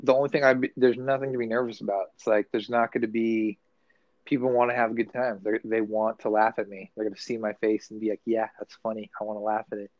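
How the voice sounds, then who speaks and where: A man's voice: lowish voice, steady tone, quick pace, darkish tone, no echo. A man co-hosting a casual podcast, rambling and swearing freely, often restarting his sentences. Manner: rambling, profane, loose and self-correcting. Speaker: podcast co-host. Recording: dull, dry recording.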